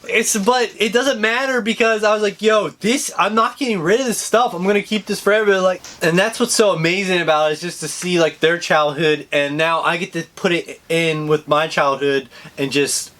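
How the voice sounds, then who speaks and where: A young man, a toy collector, telling a story in an excited, rambling way with lots of fillers and casual swearing. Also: high-pitched, normal speed, few pauses.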